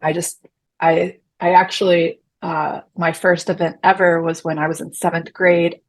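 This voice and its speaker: A woman's voice: fairly low pitch, flat delivery, moderate pace, dry recording. A woman in her early forties from Dallas, Texas, chatting casually as an interview guest, joking and self-deprecating, talking out of the side of her mouth. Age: early 40s. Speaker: guest, touring production coordinator.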